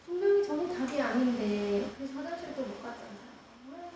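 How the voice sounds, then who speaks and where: A woman's voice: high voice, expressive, normal speed, noisy background. A woman teaching an English lesson in a classroom, explaining step by step and asking the class questions. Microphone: screen-recorded, far from the mic. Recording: roomy classroom, distant mic.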